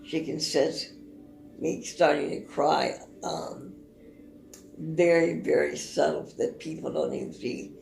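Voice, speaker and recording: A woman calmly explaining her service dog's tasks in casual talk, halting often with fillers and restarts. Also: deep voice, gravelly, reverberant, faint music behind. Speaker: service dog owner.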